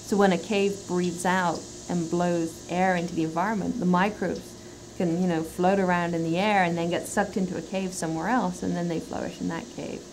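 Lower-voiced woman explaining science on camera. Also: a little mellow, a little hiss or hum. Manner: explanatory, gestures while talking. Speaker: microbiologist. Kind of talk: documentary interview. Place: indoor lab.

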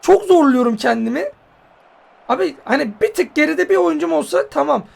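A man giving casual, joking commentary on a football game he is playing, yelling at his players. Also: very high-pitched, normal speed, creaky. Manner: excitable, joking, swears and yells at players. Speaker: mobile football gamer.

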